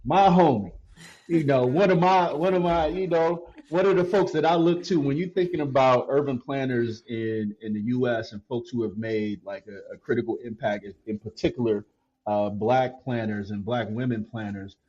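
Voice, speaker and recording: A man from Canton, Ohio, hosting a podcast in casual chat, relaxed and repeating words as he starts his sentences. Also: medium pitch, moderate pace, highs cut off. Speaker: podcast host.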